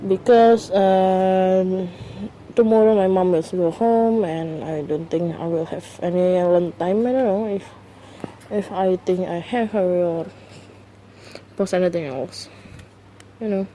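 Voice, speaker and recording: A woman with a fairly low, warm voice speaks a little slowly on a low-quality recording with slight background noise. English is not her first language, and she is hosting her first solo podcast alone at home, recorded on a phone. Her casual monologue is hesitant, full of fillers and restarts.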